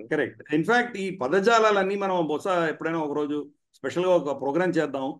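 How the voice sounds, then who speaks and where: A man's voice: a little high, a little fast, a bit bright. A man speaking as a commentator guest in a studio discussion, explaining at length with frequent "ah" fillers.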